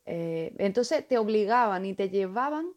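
Woman, casual podcast chat, halting, repeats words, middle pitch. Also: lively intonation, darkish tone, muffled recording. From Venezuela. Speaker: podcast co-host.

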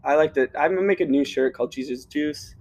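A man's voice: fairly high pitch, fast talker, darkish tone. A man co-hosting a podcast in casual chat, upbeat and jokey, often stopping to explain terms. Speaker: podcast co-host.

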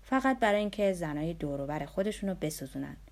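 A woman's voice: on the low side, expressive, darkish tone. A woman reading the lines of a cynical middle-aged male doctor in an audiobook, in a dry, lecturing manner. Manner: dry, lecturing, sweeping claims.

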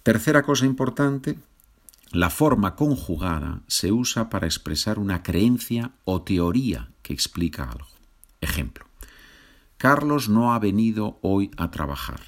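A man's voice: low voice, husky. A man teaching a Spanish grammar lesson, speaking patiently, repeating each example and checking in with the learner. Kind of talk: slow, clear grammar lesson.

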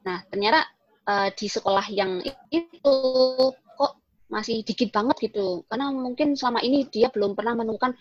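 A woman's voice: a little high, fairly quick, no echo, muffled recording. A woman in her twenties from East Java, a teacher chatting in an interview and telling her story. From Malang, East Java. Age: 20s. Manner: chatty storyteller, mimics her own past thoughts. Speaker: guest, vocational school teacher. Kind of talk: casual interview.

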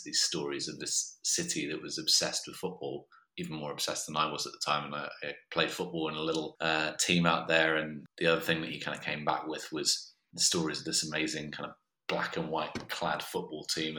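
A man with a modern Southern English accent telling personal stories in a measured, reflective way. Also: very deep voice, bright, forceful tone. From Australia. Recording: roomy, echoey sound.

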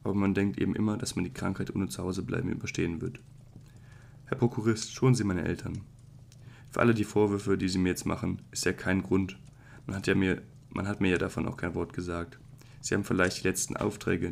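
A man reads a young clerk who has become an insect, apologetic and hurried. The voice is low and flat, with a gravelly edge. A faint hiss lies under the storybook reading. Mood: flustered pleading. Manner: hurried, apologetic, stumbling over words. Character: young male clerk turned insect, flustered and pleading. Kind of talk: audiobook reading.

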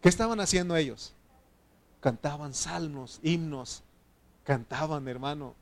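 A man's voice: on the high side, measured pace. A man preaching a sermon as pastor, fervently calling his listeners brother and putting questions to them. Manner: asks the congregation questions.

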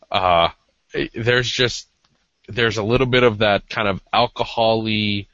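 A man's voice: lowish voice, pushed and bright, dry recording. A man co-hosting a podcast in casual, discursive talk, hesitant and self-deprecating as he feels his way through explanations. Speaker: podcast co-host. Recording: slightly dull lo-fi audio.

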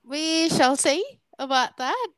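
A woman's voice: high-pitched, expressive, takes it slowly, a bit bright, no room sound. A woman in her early thirties, from Indonesia, co-hosting a casual podcast and telling stories in an easygoing, chatty way. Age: early 30s. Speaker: podcast co-host.

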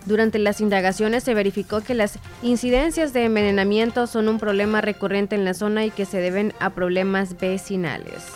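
A Salvadoran woman co-hosts a morning radio show at a mid pitch. She reads news items and chimes in with short, curious questions, with faint music behind her. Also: brisk, few pauses. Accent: Salvadoran Spanish. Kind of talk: reading news and casual chat.

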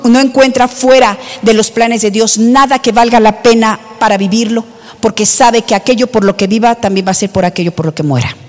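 A woman's voice: on the high side, a little mellow, big-room sound. A woman preaching a sermon, emphatic, with rhetorical questions to the congregation.

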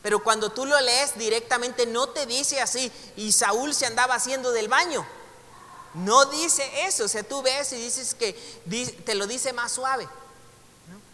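A Mexican man with a high, bright voice teaches a relaxed Bible class. He chats with his students, jokes along the way and reads passages aloud. The sound carries a long reverb from a large room. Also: a little slow. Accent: Mexican Spanish. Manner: conversational, joking asides, reads passages aloud. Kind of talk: casual classroom lecture.

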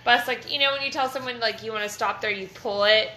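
A woman co-hosting a casual chat, animated and swearing freely as she tells stories. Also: fairly high pitch, fast, roomy sound, a little hiss or hum.

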